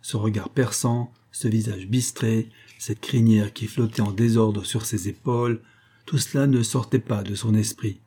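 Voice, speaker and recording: A man reading a tale as an audiobook in a measured, steady way. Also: lowish voice, breathy edge. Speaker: audiobook reader.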